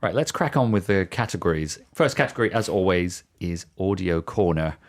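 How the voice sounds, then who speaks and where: Host, male, low gravelly voice, easygoing film-chat delivery. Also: moderate pace, faint music behind. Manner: relaxed, leads the segments. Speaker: podcast host. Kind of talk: casual film discussion.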